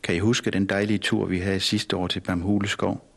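A man's voice: deep voice, level tone, vocal fry. A man voicing a cheerful, easygoing father in a storybook reading. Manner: cheerful, friendly.

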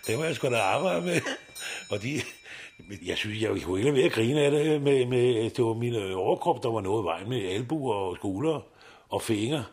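A man's voice: on the low side, animated, a little mellow, breathy edge. A man in his sixties, a recycling site worker, talking casually in an interview and rambling with tag questions.

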